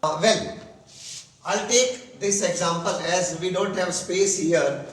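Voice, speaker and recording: A male teacher walks through a grammar lesson at a very slow, careful pace, repeating his examples. His voice sits high. He is recorded from a distance in an echoey room. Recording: echoey room, speaker away from mic.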